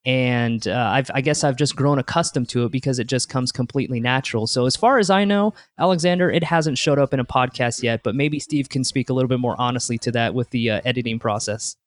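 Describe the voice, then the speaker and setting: A man's voice: medium pitch, a little fast, few pauses, no room sound. A man answering interview questions about his podcast in an earnest, upbeat way, often restarting his sentences. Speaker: podcast co-host, interview guest.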